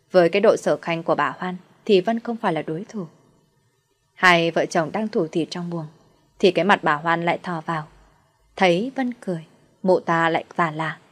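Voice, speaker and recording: A woman narrating an audiobook story in a steady, plain storytelling manner. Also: on the low side.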